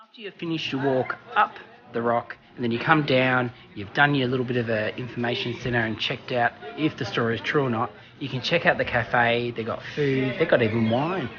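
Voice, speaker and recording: A man hosting a casual travel vlog outdoors, chatty and excitable, out of breath from climbing. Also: medium pitch, moderate pace, dull audio, a crowd in the background. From Australia. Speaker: travel vlogger. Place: outdoors on a rocky hill. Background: music.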